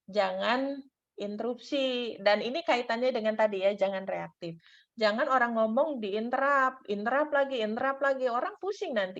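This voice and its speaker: Chatty woman lecturer. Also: on the high side. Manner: chatty, repeats "gitu ya", mixes in English terms. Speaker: university lecturer. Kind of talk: casual teaching talk. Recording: dull lo-fi recording.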